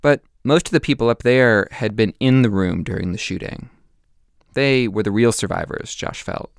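A man giving scripted documentary narration in a measured, even storytelling manner. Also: fairly low pitch, creaky, no room sound, studio quality.

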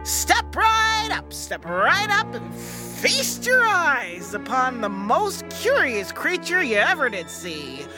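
A woman plays a gleeful carnival barker in a comic sketch, stretching out each grand proclamation. The pitch swoops dramatically, with music playing behind. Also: wildly swooping pitch, exaggerated voice. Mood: grandly hawking. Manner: drawn-out, booming proclamations. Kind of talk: theatrical comic sketch acting.

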